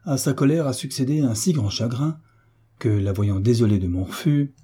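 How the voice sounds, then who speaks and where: A man's voice: medium pitch, normal speed, warm tone, breathy edge, close to an everyday voice. A man voicing a young duke, earnest and somewhat hesitant.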